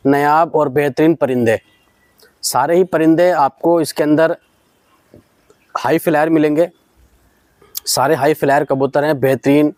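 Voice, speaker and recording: A man's voice: on the high side, a little mellow, no echo. A man with a western Uttar Pradesh accent, selling pigeons in a casual vlog and eagerly urging viewers to look at each bird's quality. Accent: Western Uttar Pradesh Hindi. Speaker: pigeon seller showing birds.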